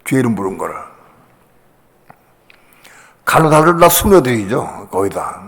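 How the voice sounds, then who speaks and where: An older male pastor preaches in a church, his voice carrying a long hall reverb. He tells his story with dramatic shifts, breaking into loud cries when he acts out the scene. His pitch sits in a middle range for a man. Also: big pitch swings, a little fast, gravelly. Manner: storytelling, acting out voices with sudden loud bursts. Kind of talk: sermon testimony. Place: church sanctuary.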